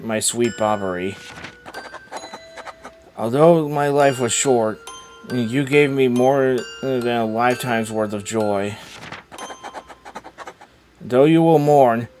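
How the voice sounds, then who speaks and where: A man's voice: mid-range voice, a little mellow, natural voice. A man voicing a devoted wife's farewell letter in a video game, solemn and poetic. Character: tender, devoted dying wife writing farewell letter.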